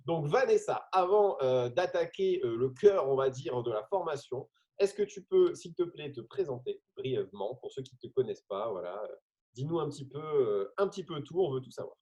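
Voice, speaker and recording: A man's voice: mid-range voice, expressive, normal speed, mellow, muffled recording. A man hosting a training session on a video call, talking casually with many hesitations and jokes. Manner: hesitant, many fillers, jokey. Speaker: host.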